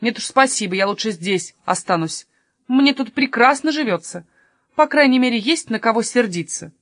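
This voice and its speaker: A woman voicing a strict, bossy aunt who rules the house, sharp and commanding. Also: on the high side, animated, moderate pace, no room sound, clean studio sound. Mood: stubborn. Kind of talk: storybook reading.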